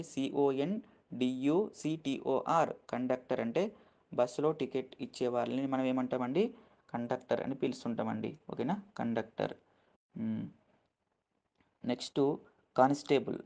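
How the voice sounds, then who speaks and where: A gravelly, dark, medium-pitched male voice walks listeners through English vocabulary in Telugu, spelling each word letter by letter. Earnest and occasionally emotional, he keeps asking "okay?" after each point in this casual lesson.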